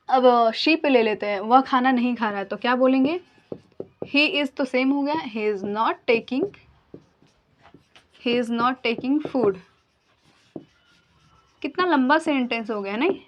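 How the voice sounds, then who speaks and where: High-voiced woman teaching English grammar. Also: muffled recording. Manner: patient and explanatory, repeats example sentences slowly. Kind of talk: Hindi-language English grammar lesson.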